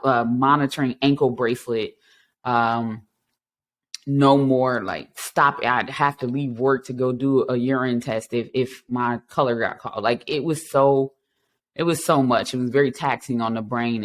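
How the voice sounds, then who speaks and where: Man, 30s, podcast host, earnest, reflective, mid-pitched voice, many ums and restarts, personal testimony.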